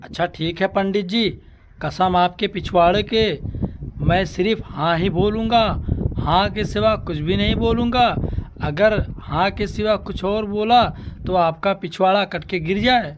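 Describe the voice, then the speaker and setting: A man's voice: high-pitched, unhurried, background noise. A man voicing an impatient, cheeky young groom in a comedy cartoon. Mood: eager. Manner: eager, cheeky.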